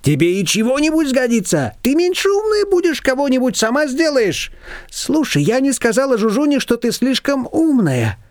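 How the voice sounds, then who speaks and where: A man's voice: very high-pitched, big pitch swings, no echo, studio quality, pitched above the performer's own voice. A man reading an audiobook voicing a bossy, meddling middle-aged female neighbor who scolds and gives orders. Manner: pushy, scolding, rapid-fire demands.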